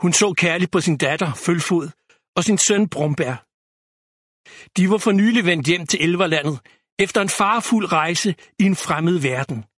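High-voiced male storyteller. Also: fairly bright tone, slightly rough, no room sound, studio quality. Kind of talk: scripted children's story narration.

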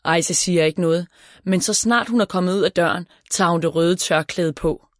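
A woman reading a children's story aloud in a calm, even storytelling voice. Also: on the low side, dry recording, clean studio sound. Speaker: narrator.

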